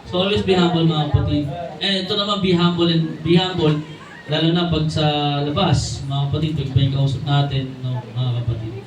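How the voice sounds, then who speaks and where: High-voiced Filipino preacher in an echoey hall. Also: male voice, fairly even intonation, a crowd in the background. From Philippines. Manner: slows down for key English phrases. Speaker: church preacher. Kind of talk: sermon mixing Tagalog and English. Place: church hall. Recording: echoey room from a distant mic.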